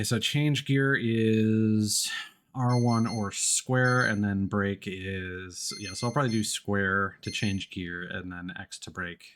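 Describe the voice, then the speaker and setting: There's slight background noise behind this medium-pitched, fairly bright voice of a man streaming video games on a headset mic. He thinks out loud in a casual, self-mocking way as he commentates.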